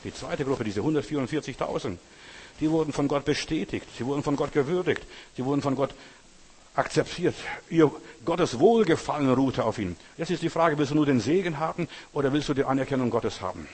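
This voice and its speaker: A man preaching a sermon, asking his listeners direct questions and swinging between quiet stress and loud raised lines. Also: medium pitch, a little fast, breathy edge. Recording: long hall reverb.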